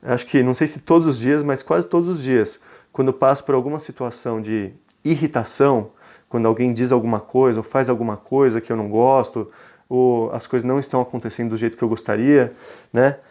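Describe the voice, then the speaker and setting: Brazilian man in his thirties, parenting educator, gentle and reflective, mid-pitched, relaxed webinar delivery. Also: a little fast. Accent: Brazilian Portuguese. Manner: calm, reflective, gentle, often ending phrases with a questioning tag. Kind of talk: conversational webinar talk.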